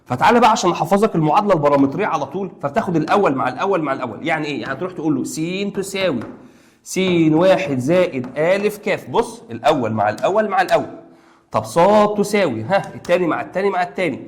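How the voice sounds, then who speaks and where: An Egyptian man in his young adult years explains math to students online. He talks in a quick rush with a voice pitched a little high. He is playful and encouraging, and he banters with the class like friends. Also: lively intonation. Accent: Egyptian Arabic. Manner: rapid, playful and coaxing, talks to students as pals. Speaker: math teacher.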